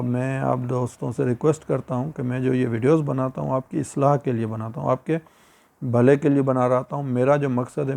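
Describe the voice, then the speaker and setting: A man's voice: mid-range voice, creaky, dark tone. A man with a Pakistani Urdu accent, a YouTuber giving casual, repetitive advice and talking to viewers as friends. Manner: chatty and advising, repeats points, speaks to viewers as friends.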